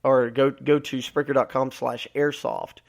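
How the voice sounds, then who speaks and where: A man's voice: mid-range voice, steady tone, measured pace, creaky. A man from Alabama, hosting a solo live podcast, losing his voice and rambling with many filler words. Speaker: podcast host.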